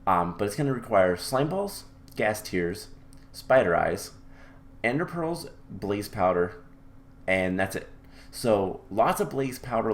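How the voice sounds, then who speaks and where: Talking over a modded game, this let's-play commentator sounds a little off because a cold is coming on. He stays relaxed and chatty, dropping plenty of ums, in a lowish voice. Slight background noise can be heard.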